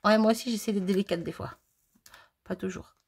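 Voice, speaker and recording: A woman's voice: medium pitch, steady tone, a little fast, breathy edge. A woman chatting to viewers as she unboxes craft mail, bubbly and self-mocking, gushing over each item. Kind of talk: casual chat to viewers. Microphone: phone.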